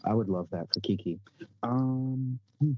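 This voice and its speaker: A man's voice: medium pitch, takes it slowly. A man co-hosting a casual chat, playful and chatty. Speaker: podcast co-host. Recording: dull lo-fi sound.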